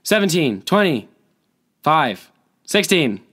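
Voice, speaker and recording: Hoarse young man hosting a chat. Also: big pitch swings, slow pace, a bit bright. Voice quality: low husky voice. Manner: joking, self-deprecating. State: hoarse from bronchitis. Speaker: podcast host. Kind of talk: casual chat.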